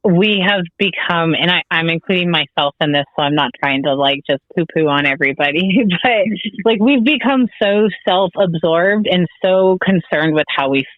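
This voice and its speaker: A man speaking as a podcast guest, thoughtful and measured in casual chat. His voice sits fairly high. It comes through a tinny, phone-like call line with a dry sound. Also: no room sound.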